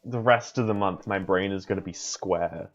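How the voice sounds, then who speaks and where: A man's voice: deep voice, normal speed, lo-fi sound. A man streaming a game, chatting casually and reading the story aloud, rambling and laughing often. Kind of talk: casual let's play chat and narration.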